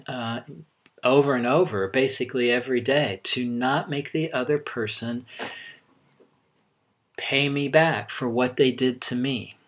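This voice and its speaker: A middle-aged man giving a sermon as a pastor, speaking conversationally with frequent halting pauses. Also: medium pitch, a bit bright.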